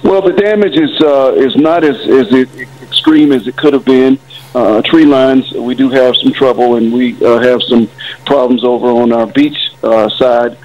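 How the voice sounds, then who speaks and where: Man, city official, average pitch, measured and hesitant delivery, lo-fi telephone interview sound. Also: a little mellow. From Florida, United States. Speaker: city mayor. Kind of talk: phone interview on live news. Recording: dull, band-limited phone line.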